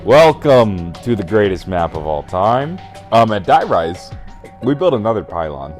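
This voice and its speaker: Fairly low and darkish in tone, this very animated man talks a little slowly over soft background music. As host he retells a video game storyline while very drunk, burping, rambling comedically and swearing with emphasis, repeatedly losing track and correcting himself.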